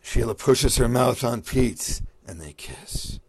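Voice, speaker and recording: A man's voice: medium pitch, lively intonation, slow, creaky, slightly rough, no room sound, poor audio. A man narrating, reading screenplay stage directions.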